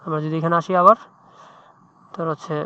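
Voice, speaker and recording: A man's voice: on the high side, steady tone, brisk, pushed and bright, clean tone, no room sound. A man tutoring English in a chatty, informal way, often checking in with "right?". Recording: muffled dry lo-fi mic.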